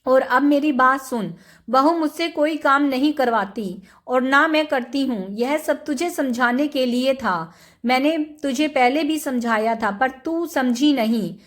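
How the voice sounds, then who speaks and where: A woman's voice: high voice, measured pace, a bit bright. A woman voicing a firm, loving elderly mother who lectures her daughter in a storybook reading. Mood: stern. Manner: admonishing, firm.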